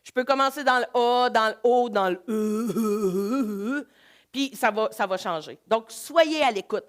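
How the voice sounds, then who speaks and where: A woman with a Québécois accent, leading a live laughter workshop in an energetic, coaxing way. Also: on the high side, a little slow. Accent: Québécois French. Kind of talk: live workshop talk to an audience.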